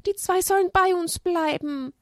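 An eager little girl bubbles with excitement in a children's storybook, as a woman puts her on. Her voice sits very high and bright, the way a small child chatters. The recording is dry and close. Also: moderate pace, no echo. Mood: excited.

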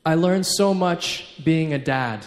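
Guy in his 30s doing a faith talk, earnest but jokey, kinda highish voice. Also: slow pace. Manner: earnest, with light self-mocking humor. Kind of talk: live faith talk with interpreter. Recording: long hall reverb.

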